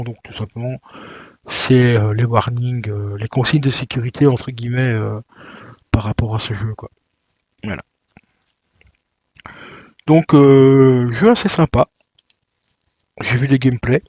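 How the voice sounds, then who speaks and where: A man's voice: medium pitch, darkish tone, no room sound, lo-fi sound. A man chatting casually while he unboxes a video game, with lots of fillers and self-corrections. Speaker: YouTuber unboxing video games.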